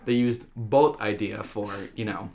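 A man's voice: fairly low pitch, vocal fry, a crowd in the background. A man co-hosting a podcast in casual chat, goofy and joking. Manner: goofy, joking, quick to laugh. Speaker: podcast co-host.

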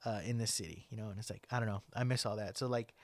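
A man's voice: fairly low pitch, fairly even intonation, fast, creaky, dry recording. A young man hosting a podcast, chatting casually and rambling with lots of "like" and "man". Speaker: podcast host. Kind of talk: casual chat.

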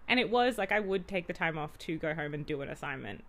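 A woman in her late twenties chatting casually on a podcast, hesitant with many pauses and restarts. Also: deep voice, lively intonation, a bit bright. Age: 20s. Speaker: podcast co-host. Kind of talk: casual chat.

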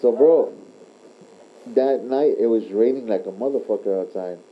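A man with a mid-pitched voice tells casual stories in crude frat-bro slang, dropping bro constantly. The recording is dull and lo-fi. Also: normal speed, slight background noise. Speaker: tattoo artist telling stories. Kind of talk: casual chat, anecdote telling. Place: tattoo shop.

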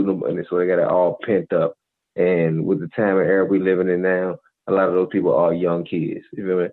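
A very deep-voiced man holds forth on a podcast in a preachy, laid-back way. He leans on "you feel me" constantly. His voice comes through a thin, phone-like band. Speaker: podcast co-host. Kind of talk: casual advice monologue. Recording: tinny phone-like audio.

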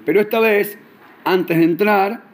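A man with a Rioplatense accent tells a religious story with lively, animated delivery, slipping into the voices of his characters. His voice sits a little higher than most men's. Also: unhurried, a little hiss or hum. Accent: Rioplatense Spanish. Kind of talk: storytelling sermon.

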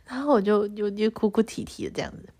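A young woman with a Taiwanese Mandarin accent tells a personal story to camera in a casual vlog, stammering and restarting as she grows animated and aggrieved. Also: mid-range voice, quick pace. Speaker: vlogger.

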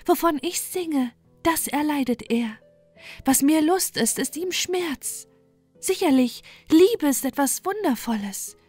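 A woman doing a tender high nightingale. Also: animated, takes it slowly, soft background music. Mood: earnest. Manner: bright, earnest, wondering. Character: tender, devoted little female nightingale. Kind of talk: storybook reading.

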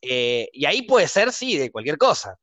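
A man's voice: on the high side, big pitch swings, pushed and bright, dry recording. A man with an Argentine Spanish accent, hosting a casual podcast chat, talking with emphatic passion and a taste for arguing. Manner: emphatic, quick to argue. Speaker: host.

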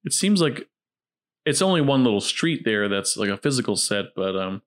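A man's voice: lowish voice, very animated, moderate pace. A man hosting a casual film commentary, talking in a jokey, conversational way. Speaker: podcast host.

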